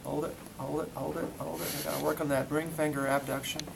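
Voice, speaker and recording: A man's voice: a little high, little pitch movement, fast talker, gravelly. A man teaching a hands-on classroom demonstration, coaching with short repeated commands and quizzing students between steps. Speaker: instructor. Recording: noisy classroom recording.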